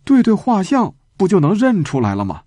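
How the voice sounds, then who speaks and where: A sly old man with a coaxing, chuckling manner, as a male storyteller puts him on. The voice rides a little higher than the teller's own, and he draws out his words. The delivery is soft and husky, in a dry room. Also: huge pitch swings, a little fast, no room sound, exaggerated voice. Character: crafty friendly old man, a village elder.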